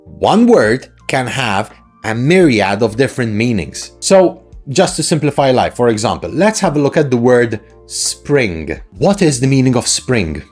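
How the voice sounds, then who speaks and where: Male English lecturer, animated intonation, conversational teaching style, rhetorical questions, medium pitch, light background music. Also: unhurried, slightly rough. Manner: rhetorical questions with frequent "right?" tags. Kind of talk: instructional lesson to camera, conversational.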